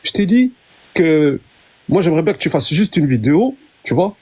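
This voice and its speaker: Husky, mellow man, insistently explaining himself. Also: on the high side, sing-song, moderate pace. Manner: repeats words, insistent. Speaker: live stream guest. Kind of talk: casual explanatory debate.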